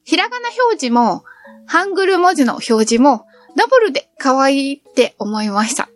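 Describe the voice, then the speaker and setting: A middle-aged woman tells of her travels in a cheerful, chatty way. Her voice sits high and moves in lively, animated swoops. Faint music plays under the narration. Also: moderate pace. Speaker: travel vlogger.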